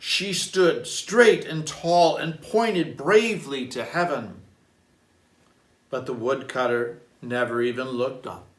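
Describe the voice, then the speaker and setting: Slow-paced male storyteller in an echoey room. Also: medium pitch. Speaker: priest reading a story aloud. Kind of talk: children's storytelling with reflective asides. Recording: roomy echo, distant microphone.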